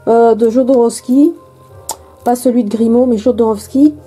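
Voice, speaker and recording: Woman from France, hesitant unboxing chat, fairly high pitch, very warm tone. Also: fairly even intonation, normal speed, slightly rough, soft background music, rough recording. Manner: hesitant, many fillers and restarts. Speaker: tarot and oracle card vlogger.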